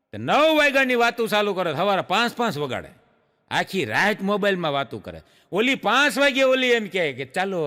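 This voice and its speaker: A man's voice: sits high, pushed and bright, big-room sound. A middle-aged man telling jokes on stage as a chatty storyteller who stretches out his punchlines. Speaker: stand-up joke teller. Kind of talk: live stage joke telling.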